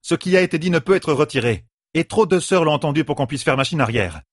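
A forceful woman pushes her point loudly, her voice straining high, as a male narrator puts her on. It rises well above his natural register with a husky, dry edge. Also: lively intonation, quick pace, no echo. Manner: loud, straining voice. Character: forceful woman pushing a daring motion.

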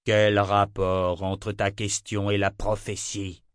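A man's voice: lowish voice, measured pace, no echo, studio quality, close to an everyday voice. A man voicing an ancient wizard who grows exasperated and defensive, in an audiobook reading. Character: ancient male wizard, proud and irritable.

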